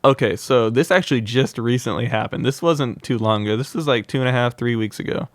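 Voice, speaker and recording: On a podcast, a young man who creates wildlife content tells lively, wild stories at a fairly quick clip, peppering them with "like." His medium-pitched voice is captured with no room sound.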